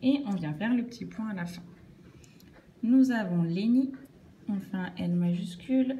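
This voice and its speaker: A woman teaching children cursive handwriting, explaining each stroke slowly and patiently, step by step. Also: mid-range voice, warm tone, a little hiss or hum.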